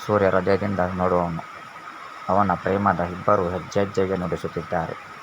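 Guy narrating a story, really deep and flat, slow and steady, bit muffled with hiss. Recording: dull lo-fi with faint hiss.

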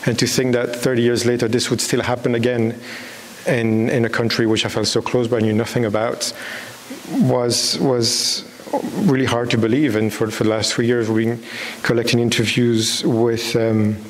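On stage before an audience in a large, dark hall, a Belgian documentary filmmaker halts through an unscripted answer, searching for words amid repeated false starts. His voice is mid-range with a flat delivery. The sound echoes and has clear background hiss.

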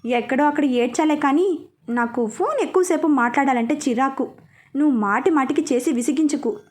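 A woman voicing a blunt, gruff young man who speaks curtly and dismissively. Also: sits high, a little fast, a little mellow, lightly acted. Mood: irritated. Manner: curt, dismissive.

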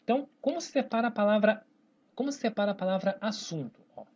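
A Portuguese teacher with a Brazilian accent gives a whiteboard grammar lesson in a mid-range, slightly mellow voice, talking at a quick pace with lively intonation. Each word is drawn out syllable by syllable, and "né?" and "tá, pessoal?" come up constantly. It was recorded in dull lo-fi.

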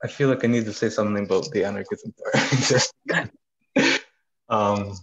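A young man from Barbados, chatting casually as a participant on a video call, relaxed with fillers. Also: fairly low pitch, moderate pace, low-quality recording. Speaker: audience participant. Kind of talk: casual discussion.

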